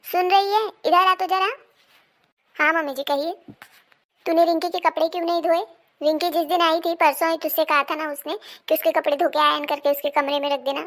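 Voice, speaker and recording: A high, gravelly voice of a strict mother-in-law, played by a woman. She barks commands at her daughter-in-law and dotes on her own daughter in a homemade family comedy. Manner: scolding, commanding. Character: scolding, partial older mother-in-law. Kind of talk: amateur family comedy drama.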